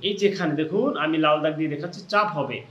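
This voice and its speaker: Man, high voice, patient recitation teacher, echoey room. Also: fairly bright tone, highs cut off. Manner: drawn-out demonstrative chanting of sounds. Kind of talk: step-by-step pronunciation lesson.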